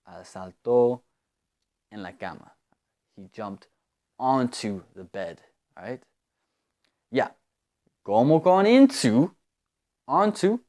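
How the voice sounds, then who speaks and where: A man from the United States, an English speaker, teaching English grammar and often pausing on fillers and repeating words. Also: medium pitch, darkish tone. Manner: unhurried, hesitant, with many fillers and repeated words. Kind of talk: language lesson explaining grammar.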